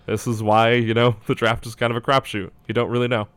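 A man's voice: medium pitch, little pitch movement, a little fast, a bit bright, clean tone, dry recording. A man talking casually as a basketball draft analyst, hedging and thinking aloud as he goes. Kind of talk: casual sports discussion.

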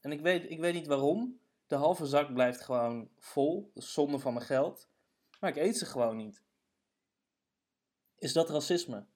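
A man's voice: fairly high pitch, unhurried, a little mellow. Blunt, teasing young man. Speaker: podcast co-host. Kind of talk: casual chat.

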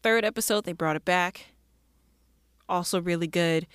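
A woman co-hosting a casual TV review chat, enthusiastic and chatty, often giving quick agreement. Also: fairly low pitch, smooth, no room sound, studio quality. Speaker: podcast co-host.

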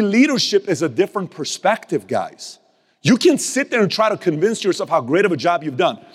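A business leader delivers a motivational speech to his team in a high-sitting voice, with a long reverb tail in the room. He is emphatic, repeats key phrases and swings between loud and hushed, using casual slang and mild cursing.

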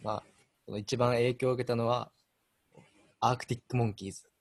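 A man in his twenties with a Kansai accent, a band member telling a story in a relaxed, self-mocking way on a casual radio chat. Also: medium pitch, fairly quick. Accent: Kansai Japanese.

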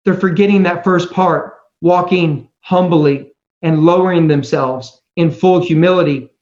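A man preaching a sermon into a pulpit microphone, earnest and emphatic, slowing down to press scripture home. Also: fairly high pitch, darkish tone. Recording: roomy, slightly dull mic sound.

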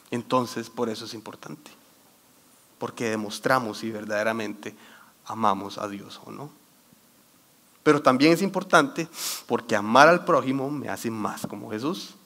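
A man giving a sermon talk, telling a lively story and quoting scripture while getting over a cold. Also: mid-range voice. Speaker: church youth speaker.

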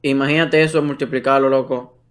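A young man with a medium-pitched voice and a Dominican accent. He talks casually with friends, using lots of slang and checking in with short tag questions. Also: little pitch movement, fairly quick, fairly bright tone. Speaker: podcast co-host.

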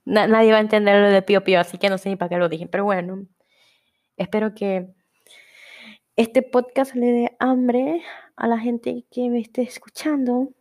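A woman's voice: on the high side, steady tone, moderate pace, a little mellow. A young woman with a Panamanian accent hosting a casual solo podcast, chatty and rambling, often cutting herself off mid-word. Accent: Panamanian Spanish. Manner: rambling, chatty, self-interrupting. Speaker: podcast host.

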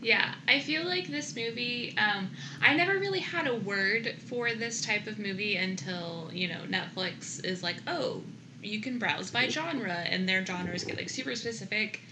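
A woman's voice: medium pitch, expressive, unhurried, background noise. A young woman co-hosting a podcast, chatting casually about a movie with lots of filler words. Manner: chatty, many "like" fillers, laughs often. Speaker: podcast co-host.

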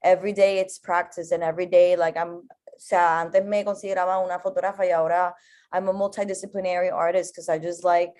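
A young Puerto Rican woman in her twenties speaks as a guest on a podcast. Her voice sits slightly low, and she talks easily and relaxed, mixing two languages in the same sentence. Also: normal speed. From Puerto Rico. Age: 20s. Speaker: guest artist. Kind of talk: casual podcast interview.

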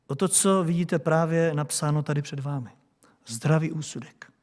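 A man's voice: a little high, a little mellow. A male preacher delivering a sermon, questioning his congregation with rhetorical questions.

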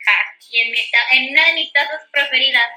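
A woman's voice: high voice, steady tone, fairly quick, sharp tone, echoey room, soft background music, poor audio. A woman co-host from Mexico, speaking in a lighthearted, upbeat way in a casual chat.

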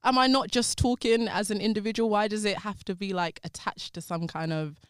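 A young woman from North London with a London accent, well-spoken and clearly enunciated, chatting in a group discussion. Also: mid-range voice, fairly even intonation, a little fast, no echo, clean studio sound. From North London, England.

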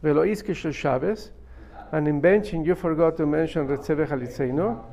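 A man's voice: fairly high pitch, moderate pace, gravelly, warm tone. A man gives a religious lesson. He speaks as a rabbi to his students, reading a phrase, translating it and repeating key points with emphasis. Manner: emphatic, repeats and explains step by step. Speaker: rabbi teaching a Talmud class.

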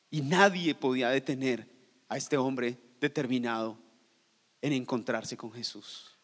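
A man preaching a sermon as pastor, swinging from loud cries down to hushed near-whispers. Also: high-pitched, long reverb tail.

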